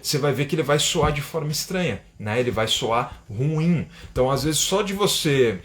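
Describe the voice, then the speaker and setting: A man's voice: on the high side, expressive, normal speed, a bit bright. A Brazilian man with a Brazilian Portuguese accent, an English teacher giving a live-stream lesson and reading viewer comments, tagging his sentences with a questioning "né?". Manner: chatty, keeps asking "né?", reads viewer comments aloud. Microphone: phone or webcam for an Instagram live.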